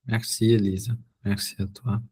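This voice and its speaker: Leading an online spiritist study session, this Brazilian host, whose first language is Portuguese, has a lowish, darkish voice with a level tone and breathy edge. His pace is slow and halting, with frequent restarts and repeated words while he hunts for phrasing.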